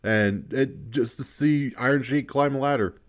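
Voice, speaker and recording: A man's voice: mid-range voice, unhurried. A man giving casual gameplay commentary, swearing a lot, laughing often and rambling with restarts. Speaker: gaming video creator.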